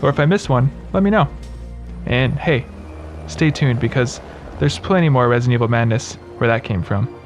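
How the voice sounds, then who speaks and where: A man's voice: medium pitch, moderate pace, soft background music. A man narrating scripted humorous commentary as a video host, in a sarcastic, mocking manner.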